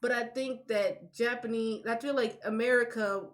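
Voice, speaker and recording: A woman co-hosting a casual podcast chat, animated and slangy, laughing often and swearing freely. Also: on the high side, normal speed. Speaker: podcast co-host.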